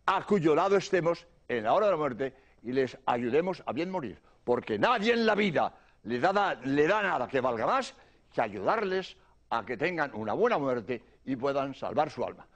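Earnest older Spanish priest, lively pitch. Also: male voice. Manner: earnest, repetitive, whispers prayers softly. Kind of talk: religious talk.

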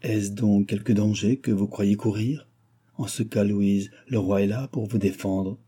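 A man's voice: lowish voice, fairly even intonation, a little slow, warm tone, husky. A man reading the lines of an aging proud king and fond father in an audiobook, pleading and reproachful by turns. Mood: insistent.

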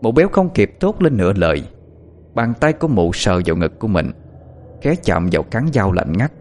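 A man giving a dramatic, expressive narration of a horror story as an audiobook narrator. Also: lowish voice, normal speed, a little hiss or hum.

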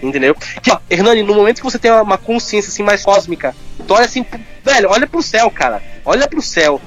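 Fast-talking man, higher voice. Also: big pitch swings, fairly bright tone, faint music behind. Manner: fast, informal, full of fillers like "cara". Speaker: guest. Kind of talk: candid personal conversation.

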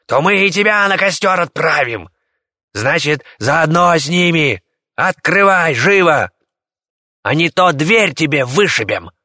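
A man playing a coarse, threatening village ringleader with a hoarse, cawing voice. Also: a little high, expressive, unhurried, pushed and bright, no room sound, clean studio sound, pitched above the performer's own voice. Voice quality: hoarse, crow-like. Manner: threatening and bullying.

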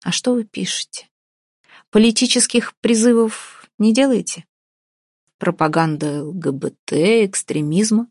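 A woman's voice: medium pitch, measured pace, a little mellow, slightly rough, no room sound, studio quality, voice pushed up. A woman reading an audiobook, voicing a stern, officious man who runs a shopping mall. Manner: officious, prosecutorial, curt. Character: stern, pedantic male mall director.

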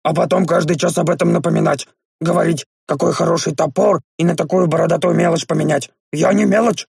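A man's voice: a little high, steady tone, fairly quick, vocal fry, a little mellow, breathy edge, dry recording, clean studio sound, voice pushed up, exaggerated voice. A man reading an audiobook, voicing a small, touchy bearded male gnome who speaks in broken grammar and sounds offended. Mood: indignant. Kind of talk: audiobook character voice.

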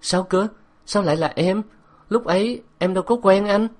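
A man's voice: medium pitch, moderate pace, lightly acted. A man voicing a young woman who is shaken and pleading as she questions her lover in an audiobook story. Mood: stunned.

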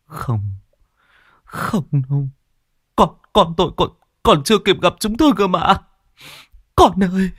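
A man's voice: high-pitched, expressive, slow pace, pauses often, a bit bright, slightly rough, no room sound, pitched above the performer's own voice, exaggerated voice. A young father cries out in raw anguish, as a male narrator plays him. His voice swings up and down as he stammers through the grief, recorded dry and close. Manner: sobbing, stammering.

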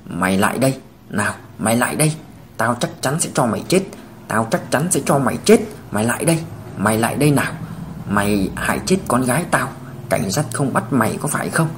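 A man voicing a grief-crazed mother who hurls hysterical, venomous threats, with a lively pitch range. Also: brisk, noisy background, lightly acted.

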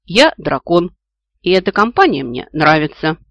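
A man's voice: a little high, sing-song, measured pace, fairly bright tone, dry recording. A man doing a cheeky young dragon prince. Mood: defiant. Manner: defiant, snapping back.

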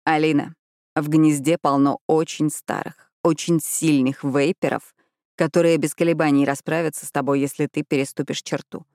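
A woman voicing a calm, selfish male vampire in an audiobook, speaking slowly and evenly. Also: low-pitched, no echo, studio quality, natural voice. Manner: calm, measured, slow.

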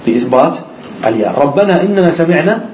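A man's voice: fairly high pitch, very animated, quick pace, a little mellow, roomy sound, a little hiss or hum, rough recording. A man teaching an Arabic grammar class, who explains step by step, asks the students questions and repeats the key words.

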